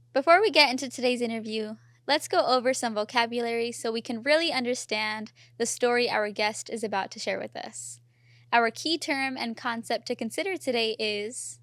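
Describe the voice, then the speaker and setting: A woman with a fairly high, slightly bright voice hosts a podcast, reading a prepared script for the intro before moving into casual chat with her guest, using fillers. There's no echo.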